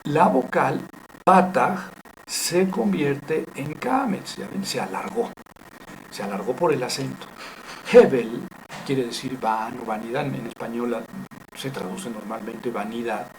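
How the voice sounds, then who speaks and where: A man teaching Biblical Hebrew in a recorded lecture, explaining deliberately with frequent fillers and self-corrections. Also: medium pitch, noisy background.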